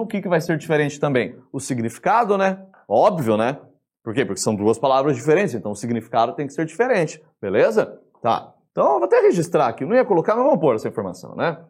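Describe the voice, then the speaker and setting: Young Brazilian man, grammar teacher, husky, upbeat and conversational. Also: fairly high pitch. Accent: Brazilian Portuguese. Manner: lively, chatty, asks the class questions. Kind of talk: online grammar lesson.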